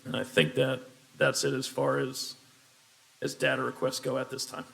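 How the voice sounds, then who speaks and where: A man speaking for a union coalition in a bargaining session, measured and deliberate, slowing down to dictate data requests in a meeting room. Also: medium pitch, completely flat delivery, creaky, a bit bright. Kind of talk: formal negotiation statement.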